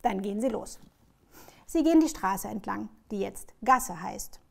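A woman author reading her children's book aloud in a lively, expressive storyteller's manner. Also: mid-range voice, unhurried, gravelly.

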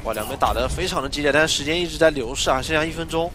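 A man giving live esports play-by-play commentary, calling the action with rising excitement on big plays. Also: on the high side, very fast, music in the background.

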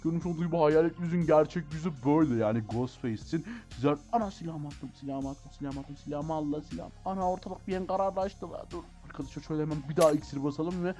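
High-voiced, fast-talking excitable gamer man. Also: soft background music. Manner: excitable, keeps calling out to viewers, gasps at scares. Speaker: gaming channel host. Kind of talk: excited Let's Play commentary.

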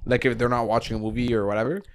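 A man's voice: mid-range voice, very fast, smooth, dry recording. A young man co-hosting a podcast, chatting casually and acting out what other people might say. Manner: animated, acts out other people's lines. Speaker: podcast co-host. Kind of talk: casual chat.

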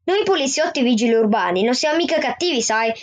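A woman voicing a kind male traffic policeman who talks calmly and reassuringly. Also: high-pitched, quick pace. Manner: calm, reassuring.

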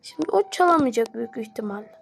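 A woman giving excitable live gameplay commentary, pleading and yelling at the game. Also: on the high side, quick pace, creaky, slight background noise. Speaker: gamer.

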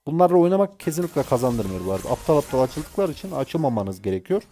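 A man's voice: mid-range voice, big pitch swings, fast talker, mellow, faint music behind. A man giving gameplay commentary while playing a mobile game, exasperated and ranting at his teammates.

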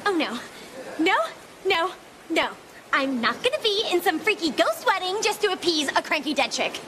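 A female actor with an American accent playing an excitable, frightened young camper in a sitcom, speaking emphatically. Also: extremely high pitch, moderate pace, a little hiss or hum, exaggerated voice. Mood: panicked. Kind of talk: broad sitcom acting.

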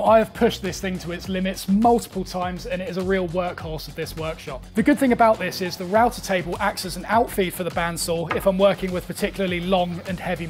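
A young man hosting a workshop tour, listing tools and items one after another with brisk enthusiasm, recorded indoors in a small, cluttered workshop. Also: high-pitched, a little mellow. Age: young adult. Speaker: woodworking channel host.

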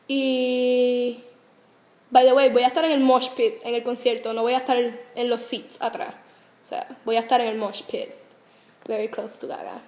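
High-voiced young woman, chatty vlog. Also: darkish tone. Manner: chatty, self-mocking, lots of fillers. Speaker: vlogger. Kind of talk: casual storytelling to camera. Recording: roomy echo.

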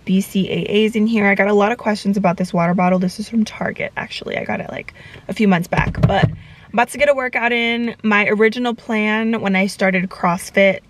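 A woman's voice: mid-range voice, fairly even intonation, fairly quick, a little hiss or hum. A young woman vlogging in a casual, chatty way, with lots of loose filler words as she talks to the camera. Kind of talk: casual vlog chat.

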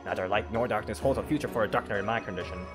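A man's voice: on the low side, rapid-fire, voice pushed down, natural voice. A man reading video game dialogue as a weary, resigned old male shopkeeper creature. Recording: game music behind voice.

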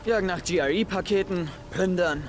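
A man's voice: sits high, fairly quick, lightly acted. An actor playing a brash young male survivor leader in a video game, curt, impatient and sarcastic. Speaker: game character. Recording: game audio with clear background noise.

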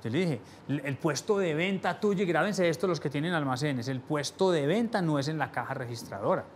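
A fairly high-voiced man giving a sales training lecture to a live audience, lively and expressive. He swings his volume, going quiet for the important points and lifting his voice again to pull the listeners along. Faint room noise sits behind him. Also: a little fast. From Latin America. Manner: animated, shifts volume for emphasis, drops voice low on key points; rhetorical questions to the audience.

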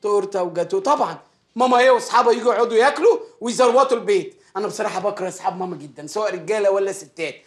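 A man's voice: sits high, expressive, racing. A spoiled, petulant man-child with an Egyptian accent in a TV comedy. He whines and sulks at a breakneck pace, and light music plays behind him. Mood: whiny sulking. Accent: Egyptian Arabic. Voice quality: whiny, sulky. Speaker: lead actor in a comedy series. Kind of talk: sitcom acting.

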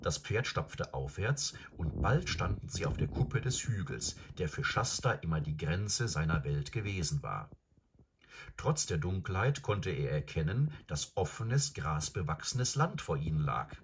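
A man narrating an audiobook in an expressive, varied storytelling manner. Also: low-pitched, unhurried, background noise. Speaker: audiobook reader.

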